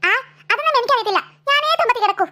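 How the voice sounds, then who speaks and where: A woman's voice: very high voice, expressive, very fast, bright, forceful tone, full character voice. A woman doing squabbling cartoon little girls. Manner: whiny, stubborn squabbling. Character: bickering young daughters, stubborn and cheeky.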